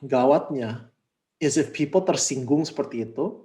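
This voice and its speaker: A man hosting a talk show over a video call, explaining calmly and mixing English phrases into his talk. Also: medium pitch, moderate pace. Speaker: host and psychologist.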